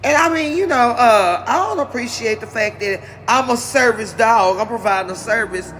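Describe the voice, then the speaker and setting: A man's voice: very high-pitched, moderate pace, fairly bright tone, slight background noise, voice pushed up. A man voicing an indignant male service dog who complains at length that he is not paid. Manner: aggrieved, complaining, long-winded.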